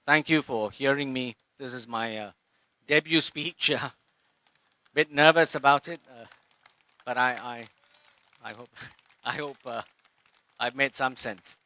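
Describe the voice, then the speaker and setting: A Singaporean man giving an impassioned public speech at a rally, with halting pauses and restarts. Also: mid-range voice, pushed and bright, no echo.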